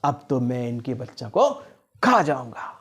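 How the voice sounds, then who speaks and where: A man voicing a sly, hungry lion who gloats in a low whisper about eating the kids. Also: big pitch swings, unhurried, a bit bright. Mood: gloating.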